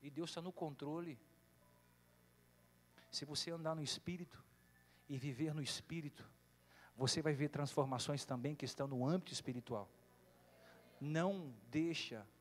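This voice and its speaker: A man's voice: a little high, normal speed, long pauses. A man from Brazil preaching a sermon as a bishop, telling stories and acting out the lines of the people in them. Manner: storytelling, acts out dialogue with mock voices. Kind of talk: sermon with humorous anecdotes. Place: church hall. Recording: echoey hall with faint hum.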